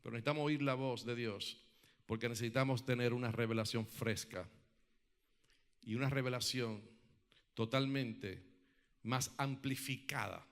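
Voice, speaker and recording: A man preaching a sermon who calls on the congregation to respond, asks many rhetorical questions, and swings from loud emphatic peaks to quiet, reflective passages. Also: medium pitch, moderate pace, pauses often. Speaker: pastor.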